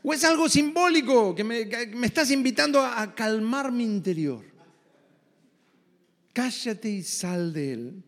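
A preacher playing a sly demon who mockingly questions what each word means. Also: male voice, very high-pitched, animated, a little slow, fairly bright tone, in a large hall, full character voice. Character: sly demon quibbling over meanings.

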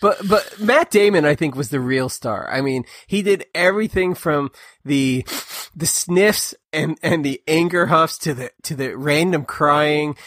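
A man co-hosting a casual political podcast, recorded with a dry, close sound. He talks haltingly, repeating words and stacking agreements. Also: a little high, a bit bright, dry recording. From Ohio. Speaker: podcast co-host. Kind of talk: casual political debate chat.

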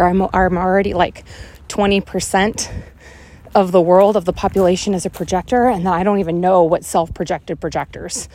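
A woman in her forties hosting a casual walk-and-talk monologue, thinking out loud with lots of fillers as she strolls around her neighborhood. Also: fairly low pitch. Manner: rambling, animated, thinks out loud with many fillers. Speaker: podcast host. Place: walking outdoors around a neighborhood.

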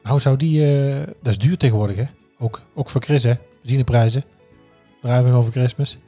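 A man's voice: mid-range voice, fairly quick, dark tone, husky, faint music behind. A man co-hosting a podcast, chatting casually and teasing his co-host impatiently. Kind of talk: casual chat.

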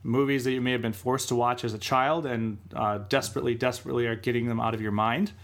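A man's voice: medium pitch, fairly even intonation, quick pace, fairly bright tone. Upbeat man explaining a podcast. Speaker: podcast co-host. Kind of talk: casual chat.

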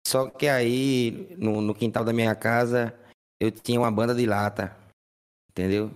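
A man's voice: medium pitch, steady tone, a little slow, clean tone. A Brazilian man, a musician guest, telling stories casually in an interview in a plain-spoken, repetitive way.

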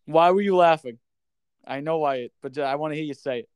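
Guy on a podcast, smooth clear voice, kinda high, dry close mic, swears a lot. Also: fairly quick, dry recording. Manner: swears casually, tells stories with lively quoted asides. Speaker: podcast co-host. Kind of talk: casual podcast chat.

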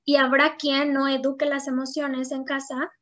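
Female psychologist, high voice, talkative, lo-fi sound. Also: flat delivery, moderate pace, fairly bright tone. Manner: talkative, acts out quoted voices, frequent "¿no?". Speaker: psychologist guest. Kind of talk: conversational explanation with anecdotes. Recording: dull lo-fi sound.

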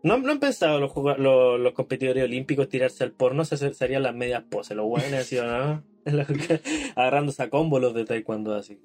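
A man's voice: mid-range voice, sing-song, moderate pace, darkish tone, faint music behind. A young man with a Chilean accent bantering crudely in a casual comedic chat, full of slang. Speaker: podcast co-host.

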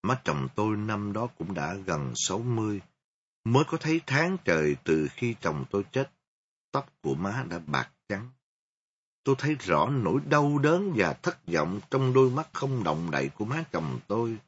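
A man's voice: on the low side, big pitch swings, normal speed, slight background noise. A man reading a first-person story aloud with emotion and occasionally restarting a passage, on a dull lo-fi recording. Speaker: audiobook reader.

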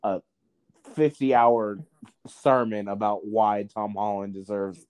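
A man, a guest on a casual podcast, chatting about a film with quick, animated asides. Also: fairly low pitch, clear, resonant tone. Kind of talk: casual film review chat.

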